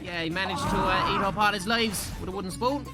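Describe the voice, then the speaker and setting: A British man giving deadpan, jokey voice-over commentary on a comedy game show. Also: high voice, fast. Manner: deadpan, absurd wisecracks. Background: loud music.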